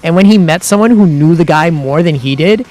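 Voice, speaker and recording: A man's voice: on the high side, fairly quick, darkish tone, faint music behind. A man chatting casually with his stream viewers, rambling with lots of fillers and restarts, and sounding exasperated. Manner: grows heated and exasperated. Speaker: livestream host.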